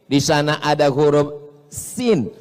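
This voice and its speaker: A man's voice: high-pitched, lively intonation, unhurried, long reverb tail. A man preaching to a crowd in a joking, teasing way, with a flair for mimicking voices. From Indonesia. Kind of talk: humorous sermon to a large audience.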